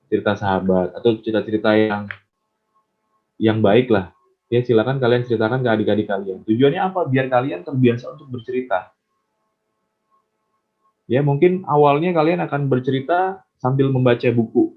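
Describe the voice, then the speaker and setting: A man teaching public speaking in an online class, encouraging and asking his students questions. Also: medium pitch. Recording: tinny phone-like line.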